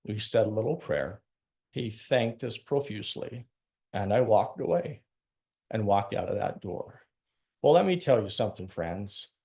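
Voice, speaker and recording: Gravelly earnest man telling a story. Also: on the low side, lively intonation, warm tone. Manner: earnest and emphatic, slows down on key lines. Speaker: guest speaker telling a personal story. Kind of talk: heartfelt personal storytelling.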